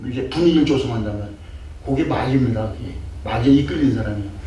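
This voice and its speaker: A man's voice: medium pitch, quick pace, dark tone, muffled recording. An older man preaching a sermon as a pastor, emphatic and full of rhetorical questions, sometimes acting out scolding. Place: church sanctuary. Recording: echoey distant church mic with faint noise.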